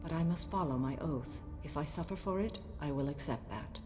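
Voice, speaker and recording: Stern, low-voiced alien warrior woman played by an actress. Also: music in the background, lightly acted. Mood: solemn, resolute. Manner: measured, formal, unwavering. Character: stern, solemn female alien warrior monk. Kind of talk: video game acting.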